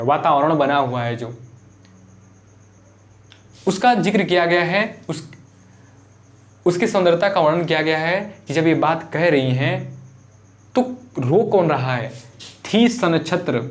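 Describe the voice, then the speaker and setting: A man's voice: a little high, a little slow, pauses often. A male teacher explaining a Hindi poem line by line. He keeps repeating phrases, glosses hard words, and asks the class questions that he then answers himself. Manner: repeats phrases while glossing word meanings.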